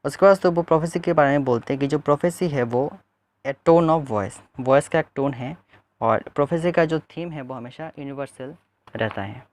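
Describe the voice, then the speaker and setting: A man's voice: a little high, moderate pace, a little mellow. A man teaching literature to online viewers, addressing them as friends and repeating points with hesitant fillers. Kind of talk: explaining a book to viewers.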